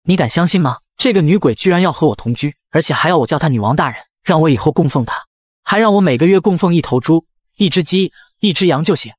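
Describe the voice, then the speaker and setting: A man rattling off a comic first-person story at high speed, his voice husky and a little high. He narrates in an excitable, self-mocking way, piling on jokes. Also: quick pace, dry recording, studio quality.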